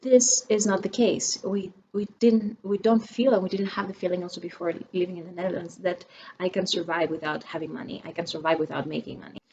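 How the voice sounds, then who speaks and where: This young Greek woman records a reflective vlog, musing to camera with frequent restarts while searching for words. Her voice is on the low side, steady and darkish, and she talks a little fast. The recording sounds muffled with a little hiss or hum.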